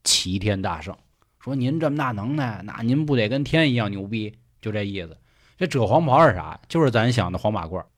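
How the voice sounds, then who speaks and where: A man's voice: on the low side, animated, fairly quick. A man co-hosting a casual talk show, retelling a classic tale in a joking, colloquial way. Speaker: podcast co-host. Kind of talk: casual storytelling chat.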